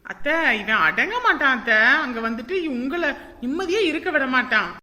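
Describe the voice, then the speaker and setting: A woman's voice: high voice, big pitch swings, moderate pace, bright, forceful tone, in a large hall, exaggerated voice. A woman playing a busy young mother and daughter-in-law, who scolds and teases her child. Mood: brisk. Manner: scolding, bustling, teasing a crying child. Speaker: daughter-in-law in a family drama. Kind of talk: family drama acting.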